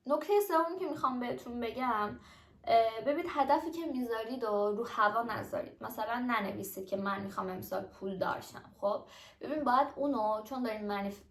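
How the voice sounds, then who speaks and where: A young adult woman talking casually and directly to her viewers in a chatty explainer vlog. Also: a little high. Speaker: vlogger. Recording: echoey room.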